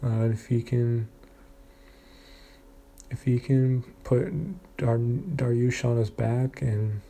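A man with a gravelly, mellow voice talks through upcoming fights in a loose, casual monologue. He hesitates often, restarts his sentences and plays down his own expertise, in an even, flat delivery. A faint noise sits behind him. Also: mid-range voice. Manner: hesitant, many fillers and restarts, self-deprecating. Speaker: fight predictions commentator.

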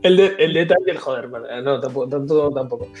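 A man's voice: mid-range voice, fairly quick, darkish tone, soft background music. Rambling Spanish man in his thirties. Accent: Spanish from Spain. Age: 30s. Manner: rambling, repeats himself. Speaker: guest. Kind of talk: casual chat over video call.

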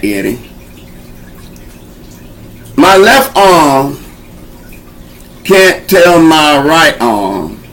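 A medium-pitched man hosts a show and preaches an informal sermon in a folksy, conversational manner, urging listeners along through call-and-response. The recording is rough.

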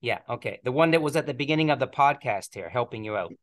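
A man's voice: medium pitch, lively intonation, fast talker, a bit bright. A man hosting a podcast, asking friendly, chatty questions in a casual interview. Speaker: podcast host.

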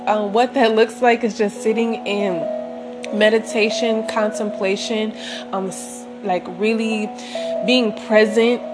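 A woman chatting casually and unscripted to viewers in a reflective, meandering, gently self-affirming way, as a vlogger does. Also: mid-range voice. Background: soft sentimental music.

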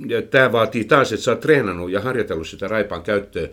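A man's voice: lowish voice, a bit bright. A man speaking as a horse trainer, explaining his methods at length in casual chat, with frequent fillers and repeated words. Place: indoors, recorded for a microphone.

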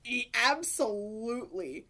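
A woman's voice: fairly high pitch, animated, takes it slowly, pushed and bright. A woman co-hosting a casual podcast chat, enthusiastic, laughing often and swearing freely. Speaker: podcast co-host.

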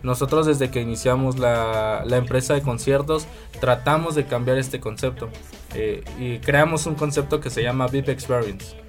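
A man's voice: mid-range voice, soft background music. A man in his twenties from Mexico City, a concert promoter and singer, answering interview questions earnestly and at length. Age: 20s. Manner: earnest, explanatory, slow in places.

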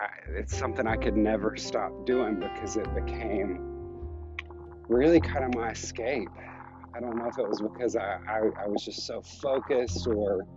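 Walking outdoors, a man in his thirties shares a personal story on his podcast in a fairly low voice with the highs cut off. He comes across as frank and thoughtful, restarting many times and a little winded from the walk.

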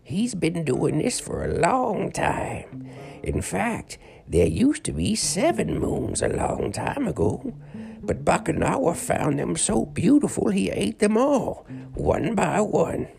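A man's voice: huge pitch swings, creaky, darkish tone, full character voice. A man putting on a feeble little old man. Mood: weary. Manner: high, slow, quavering. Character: feeble tiny old man with long beard.

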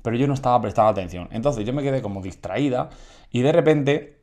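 A man from Spain, co-hosting a casual comedy podcast and telling a story with lively quoted voices. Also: medium pitch, quick pace. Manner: animated, acts out quotes of others. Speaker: podcast co-host.

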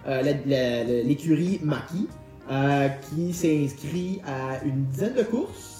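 Roomy echo and underlying music surround a slightly high, expressive male voice with a dark tone and slow pace. He is a Québécois-accented podcast host presenting a car segment, chatting and telling stories in a jokey, colloquial style.

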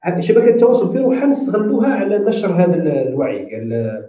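A man with an Algerian accent explains ideas patiently in a casual discussion, mixing in English terms. His voice is dark and mellow and he speaks quickly. He sounds far from the mic in a roomy, echoing space, and the recording is dull and lo-fi. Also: high voice, lively intonation. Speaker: discussion participant.

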